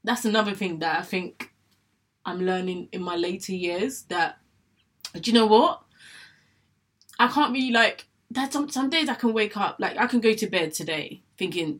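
A young English woman with a mid-range, somewhat bright voice and a breathy edge talks to camera about living with illness. The monologue is candid and chatty, full of repetition and re-enacted past thoughts.

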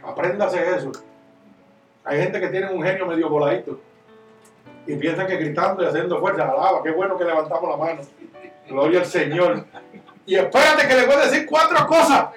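Impassioned high-voiced preacher in an echoey church. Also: male voice, animated, moderate pace, long pauses, recorded from a distance. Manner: impassioned, swings from loud to hushed. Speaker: pastor. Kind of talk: sermon. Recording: echoey church room, miked from afar, soft guitar behind.

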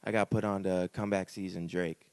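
Young man, rapper guest, low voice, dry close sound, laid-back rambling talk. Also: flat delivery, fairly quick, no room sound. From Raleigh area, North Carolina. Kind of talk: casual interview chat. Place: podcast studio.

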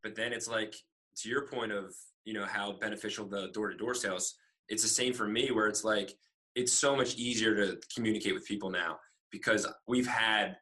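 A young adult man co-hosts a podcast in loose, casual chat. His voice sits on the low side but sounds bright and forceful. He rambles and fills gaps with "like". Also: fairly even intonation, normal speed, rough recording. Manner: rambling, filler-heavy with "like". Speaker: podcast co-host.

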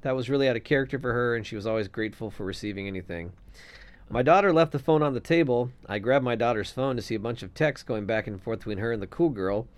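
A man's voice: mid-range voice, fast. A man co-hosting a casual podcast, reading a listener letter aloud and giving blunt, opinionated takes with some swearing. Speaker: podcast co-host.

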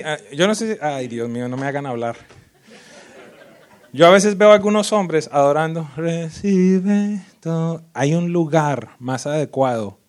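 A man preaching a sermon as a pastor, lively and full of sudden loud rises and teasing impressions of worshippers. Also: mid-range voice.

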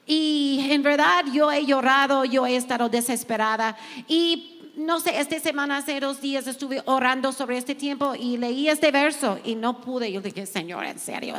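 A woman's voice: high-pitched, a bit bright, long reverb tail. A woman pastor, not a Spanish speaker, sharing heartfelt testimony and reading scripture to other women. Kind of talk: sermon-style sharing.

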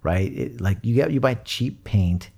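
Male hobby podcaster, deep and mellow, informal, easygoing, a bit jokey. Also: lively intonation, a little slow, vocal fry. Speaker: podcast host. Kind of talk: casual hobby chat.

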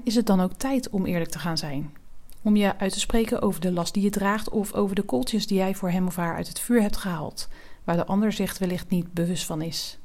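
A woman hosting a tarot podcast, narrating in a calm, measured way and addressing the listener directly. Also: mid-range voice. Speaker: podcast host and tarot reader. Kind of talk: scripted spiritual podcast narration.

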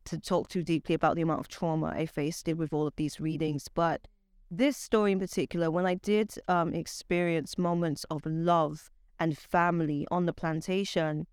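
A woman with a transatlantic accent mixing British and Barbadian talks about her writing as an interview guest, halting and correcting herself with emphasis. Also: fairly low pitch, smooth, dry recording, studio quality. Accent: transatlantic mix of British and Barbadian. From born in Britain, raised in Barbados. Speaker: guest poet and author.

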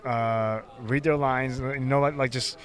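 A man's voice: mid-range voice, steady tone, measured pace. A man, a film director, talking earnestly about his film, with many fillers. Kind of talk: casual interview.

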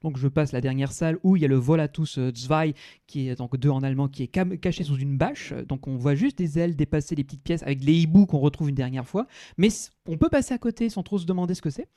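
A man's voice: a little high, fast talker, warm tone, dry recording, studio quality. A man on a podcast, describing a theme park ride at length with frequent hesitations. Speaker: podcast co-host. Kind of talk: casual podcast discussion.

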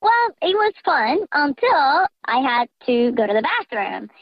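A woman's voice: high-pitched, very animated, a little slow, no room sound. A woman caller on a radio show, talking through a voice changer and chattily telling a story over the phone. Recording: dull lo-fi phone line.

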